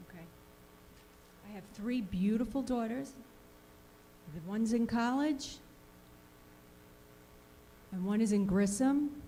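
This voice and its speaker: A woman's voice: mid-range voice, dark tone, slight background noise. A woman in her forties, a parent giving impassioned public comment at a school board meeting, confrontational and scolding, firing off rhetorical questions into a podium microphone.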